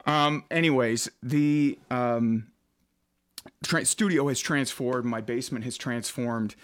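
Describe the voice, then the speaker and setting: A man's voice: medium pitch, takes it slowly. A man, hosting a casual podcast from his basement studio and rambling with lots of fillers. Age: late 30s. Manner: chatty, rambling with many fillers. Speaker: podcast host and radio host.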